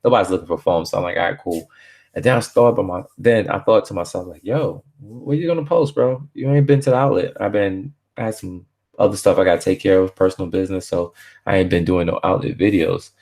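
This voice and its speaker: Streaming casually from his home, a man born in Barbados speaks in a very deep, low voice, quickly and somewhat mellow. His rambling is relaxed and full of slang and filler phrases.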